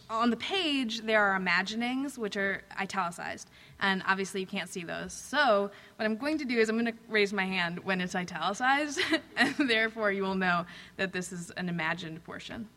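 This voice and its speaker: A woman reading fiction aloud to a live audience, measured and unhurried, with soft "um"s in her asides between passages. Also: medium pitch, lively intonation. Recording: long hall reverb.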